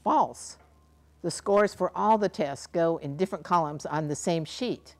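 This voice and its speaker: A woman's voice: on the low side, a little slow, close to an everyday voice. A woman playing a confident quiz contestant who explains her answers in a matter-of-fact way.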